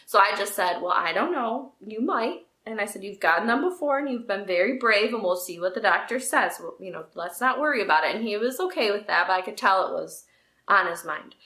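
A woman's voice: mid-range voice, fairly quick. A woman co-hosting a casual podcast, telling a story animatedly and acting out the people in it. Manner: animated storyteller, acts out quoted voices. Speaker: podcast co-host. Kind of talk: casual chat. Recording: echoey room.

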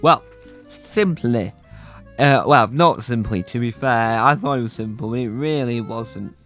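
A man doing a deep-voiced talking badger. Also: a little slow, a bit bright, soft background music, lightly acted. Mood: explaining. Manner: rambling, eager to explain. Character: talking male badger, earnest and persistent.

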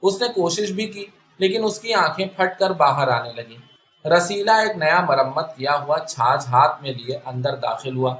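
A man reads a literary story aloud in a steady, even way. His voice sits a little high for a man. The recording carries a clear roomy echo. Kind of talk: scripted story narration. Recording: echoey room.

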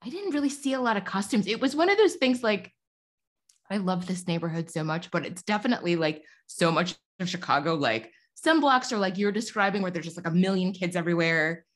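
A woman's voice: lowish voice, fairly quick. A woman co-hosting a podcast, chatting casually and acting out bits of her stories in silly voices. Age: adult. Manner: animated storyteller, acts out bits in silly voices. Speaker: podcast co-host. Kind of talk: casual chat.

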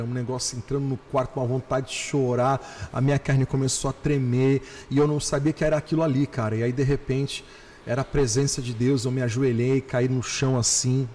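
A male pastor telling his conversion story on a podcast, animated, slowing down and repeating phrases for emphasis. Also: mid-range voice, in a large hall, slight background noise. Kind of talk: podcast testimony.

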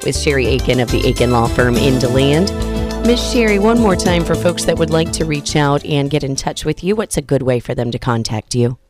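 A woman's voice: rumbling low, animated, fairly quick, music in the background. A woman hosting a radio interview, introducing the guest and asking questions. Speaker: radio host.

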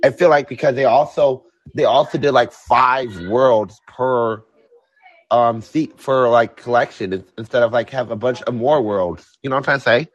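A man's voice: medium pitch, moderate pace, breathy edge, no room sound, lo-fi sound. A young man in a casual group chat about video games, slangy and often repeating himself.

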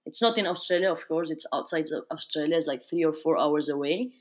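A woman's voice: deep voice, brisk. A young woman from Spain, chatting as a podcast guest with lots of "like" and "you know". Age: young adult. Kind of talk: casual interview.

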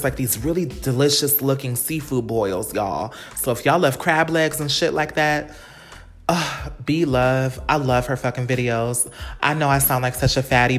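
Low-voiced woman ranting casually. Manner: profane and animated, chatty rambling. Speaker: podcast host. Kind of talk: casual chat. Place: Los Angeles.

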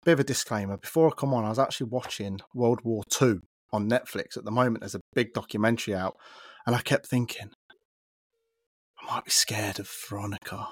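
A man's voice: medium pitch, quick pace, no room sound. A man with an East Midlands accent hosts a casual podcast chat. He talks in a loose, friendly run, repeats words as he goes, and laughs often. The sound is dry and close to the mic. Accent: East Midlands English. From England. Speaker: podcast host.

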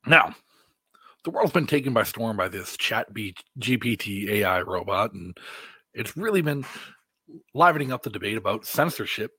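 An American man delivering a podcast monologue as host, in deliberate phrases with emphatic stresses. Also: lowish voice, expressive, pushed and bright, slightly rough, no room sound.

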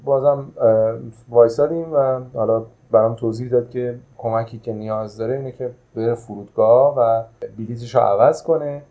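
A man's voice: medium pitch, fairly even intonation, narrow, tinny audio. A man who manages a traditional hotel, casually recounting a travel memory with many hesitant filler sounds.

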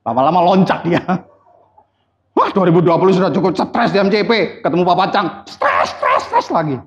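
Blunt, animated seminar speaker. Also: male voice, high-pitched, normal speed. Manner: blunt, teasing, quizzes the audience. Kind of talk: live motivational seminar talk. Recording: dull lo-fi recording.

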